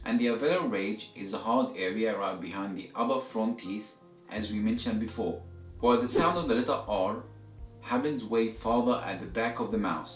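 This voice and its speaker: A man's voice: lowish voice, normal speed. A man giving a step-by-step language lesson as a teacher, explaining methodically and repeating examples for learners. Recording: roomy echo, distant mic, music behind.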